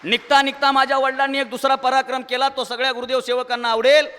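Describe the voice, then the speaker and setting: A man telling stories from his childhood to an audience of teachers, animated and acting out the voices of the people in them. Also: very high voice, quick pace, some chatter behind, a little hiss or hum. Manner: animated storytelling, acts out voices of father and teacher. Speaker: speaker addressing teachers. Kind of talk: storytelling speech to an audience. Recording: echoey hall with long reverb.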